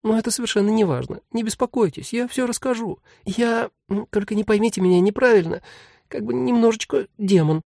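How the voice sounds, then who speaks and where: A timid little demon cloud. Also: male voice, sits high, brisk, vocal fry, darkish tone, no room sound, clean studio sound, voice pushed up. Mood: anxious. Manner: plaintive, fawning, fearful.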